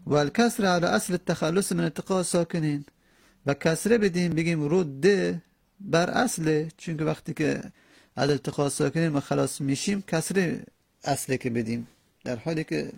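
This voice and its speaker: A male teacher with a gravelly, husky voice pitched a little high. He explains a grammar text line by line and stretches out the example words slowly. The sound is dry and close. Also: a little mellow, no room sound. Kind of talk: classroom grammar lesson.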